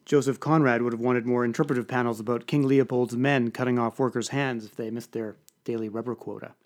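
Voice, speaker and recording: A man's voice: medium pitch, steady tone, brisk. A man narrating an audiobook in a dry, wry storytelling manner.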